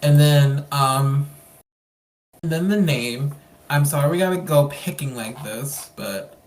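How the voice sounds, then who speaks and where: An interview host chatting casually, excitable and full of "like" and "um" fillers. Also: medium pitch, slow.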